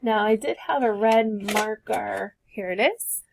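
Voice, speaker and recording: A woman's voice: medium pitch, a little slow, creaky, background noise. A woman teacher chatting casually as she works through savings challenges on her vlog, thinking aloud as she goes. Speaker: teacher and budgeting vlogger. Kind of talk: casual chat while doing savings challenges.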